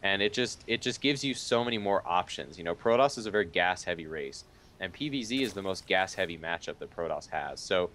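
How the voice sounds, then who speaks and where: A man with a low voice analyzes a video game match as co-caster, walking through the options in a relaxed, conversational way. He sounds easy and talkative, building his points with casual asides. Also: fairly quick, slight background noise. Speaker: esports co-caster.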